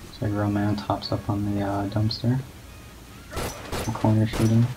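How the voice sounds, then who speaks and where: Low-voiced man, flat and low-key, calling a game match play by play; clear hiss of noise behind him. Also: unhurried. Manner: monotone, low-key delivery; not much of a talker. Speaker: guest commentator. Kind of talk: esports play-by-play commentary. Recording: steady background noise.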